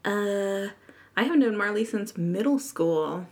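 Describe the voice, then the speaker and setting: A woman's voice: medium pitch, expressive, slow pace, a little mellow. A woman hosting a podcast, reading out listener stories in an informal way with amused asides.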